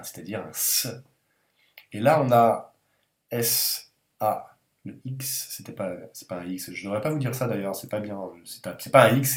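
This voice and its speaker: A man's voice: on the low side, roomy sound. A man giving a patient, reassuring language lesson, spelling words out letter by letter. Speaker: language teacher. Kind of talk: video lesson on the Russian alphabet.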